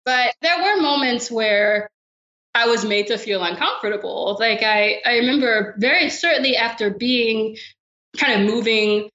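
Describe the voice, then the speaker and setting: A woman philosopher from the American South, answering interview questions in a relaxed, thoughtful way. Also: fairly high pitch, a little slow. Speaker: philosopher guest. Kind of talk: podcast interview. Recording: roomy, dull lo-fi sound.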